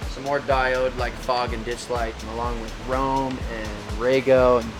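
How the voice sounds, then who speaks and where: A man gives an informal walk-through tour as a manager, speaking in an off-the-cuff way at a middle pitch. Clear background music plays behind his casual talk. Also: flat delivery, a little slow. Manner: informal, off-the-cuff pointing things out. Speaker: warehouse manager giving a tour.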